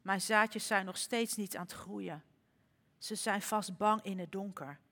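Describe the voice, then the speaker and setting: A woman's voice: mid-range voice, measured pace, a bit bright, long reverb tail. A woman doing an impatient little pig in a storybook. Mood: fretful. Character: impatient eager young male pig gardener.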